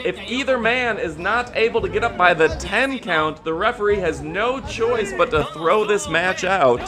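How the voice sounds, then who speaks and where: A man's voice: high-pitched, animated, normal speed. A man commentating on lucha libre wrestling as a hyped, promotional announcer calling the moves play by play.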